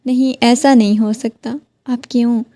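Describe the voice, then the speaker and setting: A woman's voice: on the high side, fairly even intonation, dark tone, no echo, natural voice. A woman voicing a heartbroken young wife who keeps pleading with her husband. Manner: pleading, questioning.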